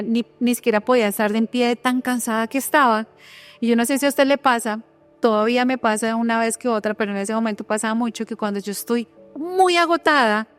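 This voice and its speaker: A woman delivers a sermon in a fairly high voice, sharing her own story with earnest feeling. She turns often to her listeners with direct rhetorical questions. Soft music plays faintly underneath. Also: smooth. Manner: earnest personal testimony with rhetorical questions to the audience. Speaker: preacher.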